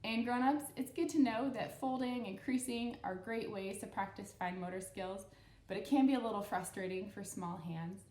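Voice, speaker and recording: A woman in her thirties runs a children's storytime, reading a story aloud and walking kids through a craft step by step in simple, encouraging terms. Her mid-range voice is slightly mellow and moves at a normal speed. The room sounds roomy and echoey.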